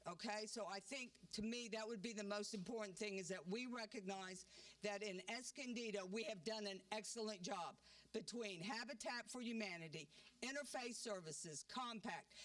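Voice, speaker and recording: Speaking up at a community forum held in a church hall, an older woman gives a candid, talkative comment and keeps ending points with "okay?" She has a fairly high, fairly bright voice. A distant handheld mic gives a dry recording with no room sound.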